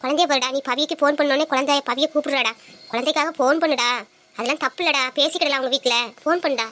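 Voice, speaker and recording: A woman's voice: high voice, fairly even intonation, fast talker, sharp tone, a little hiss or hum. A woman acting a worried grandmother who scolds and pushes her grown son. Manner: scolding, insistent. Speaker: mother of the father. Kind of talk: home drama acting.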